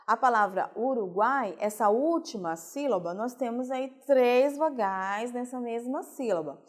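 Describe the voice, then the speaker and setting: A woman teacher from Brazil, giving a recorded lesson and explaining slowly, stressing each example word. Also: a little high. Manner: slow, deliberate explaining, stressing example words. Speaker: Portuguese teacher.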